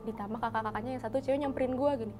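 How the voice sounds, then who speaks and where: Young woman, slang, casual storyteller who acts out dialogue, higher-pitched, faint music under her. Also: racing. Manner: animated, acts out quoted dialogue in shifting voices. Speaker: hospital nursing intern telling a ghost story.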